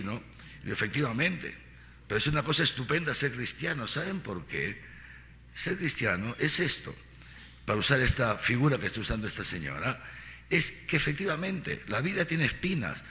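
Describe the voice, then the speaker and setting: A middle-aged man, an archbishop giving catechesis to a congregation. He preaches in a lively way, asking rhetorical questions and repeating his phrases. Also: medium pitch. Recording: long reverb of a large hall.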